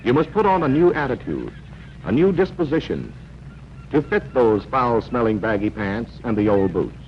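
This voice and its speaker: A man's voice: mid-range voice, big pitch swings, normal speed, lo-fi sound. A man narrating a 1940s instructional film, coaching the listener directly in an instructive manner over an old film soundtrack. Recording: noisy, band-limited 1940s film soundtrack.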